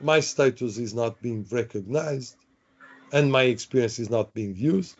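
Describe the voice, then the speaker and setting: A webinar trainer with a medium-pitched, unhurried male voice leads a live online workshop, chatting, repeating himself and putting questions to the audience. It's captured over a video call, with dull, lo-fi online call audio.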